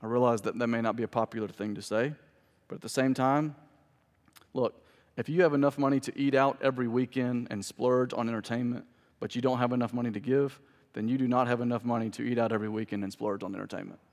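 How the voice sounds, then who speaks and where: Male pastor, mid-pitched, conversational sermon rising to emphatic points, long church-hall reverb. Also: steady tone, quick pace, a little mellow. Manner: conversational preaching that swells into emphatic peaks. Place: church sanctuary with congregation.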